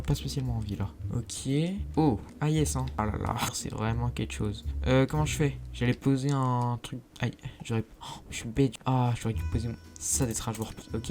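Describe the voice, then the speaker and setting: A young gaming YouTuber talks casually to viewers while playing a survival game, chatty and poking fun at himself in a let's play commentary. His voice is mid-range and mellow, with slight background noise.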